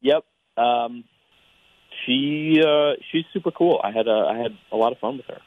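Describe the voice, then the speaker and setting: A man's voice: medium pitch, normal speed. A man talking over a phone line on a radio show's speakerphone, hesitant and stumbling over his words as he explains himself. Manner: hesitant, stammering restarts. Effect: heard over a phone line on speakerphone. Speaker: radio call-in guest. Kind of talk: casual phone chat.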